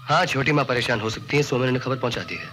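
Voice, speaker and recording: A man's voice: mid-range voice, fast talker, bright, forceful tone, lightly acted. An actor playing a tender, stubborn young man who pleads with and teases a grieving woman, in 1980s Hindi film style. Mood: coaxing. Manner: pleading then coaxing and teasing. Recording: film soundtrack with music beneath.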